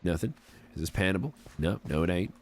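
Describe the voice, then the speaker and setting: Fairly quick and lively in intonation, a low-pitched man in his 40s chats casually on his game livestream in a put-on Southern American accent. He plays a folksy, amiable frontier type with courtly phrasing, and a little hiss or hum sits under the audio.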